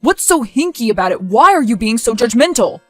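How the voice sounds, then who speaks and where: A woman voices a widowed stepfather in story dialogue. He is brash, combative and defensive, pushing back loudly with indignation. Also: mid-range voice, brisk, faint music behind, close to an everyday voice. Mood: indignant.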